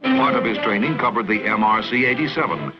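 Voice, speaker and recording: A man's voice: on the low side, a little fast. A man with an American accent reading scripted narration for a 1960s military training film. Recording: muffled vintage film soundtrack with music. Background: music.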